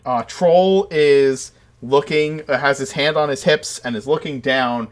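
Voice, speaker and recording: A man narrating as game master of a tabletop game in a casual, halting, improvised way. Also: medium pitch.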